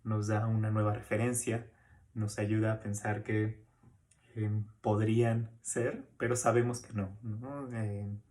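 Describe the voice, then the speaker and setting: A man talks through a recorded course lecture, his voice sitting on the low side. He explains in a loose, conversational way, dropping in small tag questions and fillers as he goes. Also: flat delivery, measured pace, a little mellow. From Mexico. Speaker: university lecturer.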